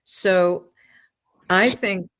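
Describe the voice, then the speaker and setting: A woman's voice: fairly low pitch, very slow, fairly bright tone. A woman guest in casual talk-show conversation, telling rambling stories with jokes and asides.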